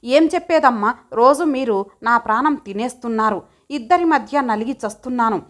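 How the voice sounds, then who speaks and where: A woman's voice: a little high, expressive, moderate pace, a bit bright. Woman voicing a fed-up young husband. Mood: exasperated. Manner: exasperated complaining. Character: weary young adult son caught between wife and mother.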